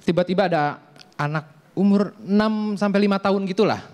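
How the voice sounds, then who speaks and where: A man doing stand-up comedy in a soft, effeminate manner, acting out scenes on stage. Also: high voice, a little fast. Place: stage before live audience. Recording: noisy studio with crowd.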